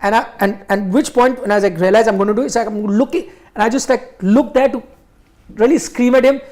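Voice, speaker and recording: A woman's voice: on the high side, quick pace. A woman hosting a cricket talk show, telling anecdotes casually and acting out the people in them. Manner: animated anecdote telling with quoted voices. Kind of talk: casual cricket chat, storytelling.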